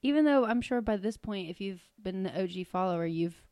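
A Cleveland-area woman in her thirties with a Northern Ohio accent co-hosts a podcast, chatting casually, giggling, and swearing in a laid-back way. Her mid-range voice is expressive, fairly quick and dark in tone, captured dry.

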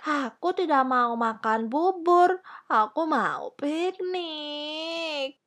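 A woman voicing an excited, whiny little girl princess in a storybook reading, high and sing-song. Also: a little slow.

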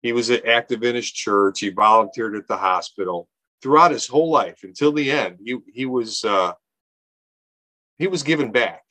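In a casual podcast interview, a man in his fifties who founded a nonprofit talks earnestly, rambling and restarting his sentences with frequent fillers. He has a mid-range, bright, forceful voice. The low-quality recording has no echo.

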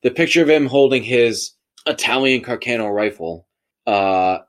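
A man's voice: medium pitch, expressive, normal speed. A man arguing a theory in a casual, conversational debate, emphatic and repeating phrases to drive points home. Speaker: podcast debater.

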